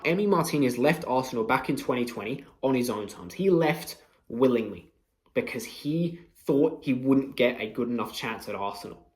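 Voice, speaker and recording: A young man with a lowish voice, recorded with reverb, reacts to a match as a fan channel host. He is passionate, swears, and mocks the rival side.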